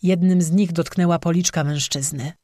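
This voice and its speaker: An audiobook narrator reading a dark folk fantasy story in a steady, even way. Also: mid-range voice, normal speed, dry recording, clean studio sound.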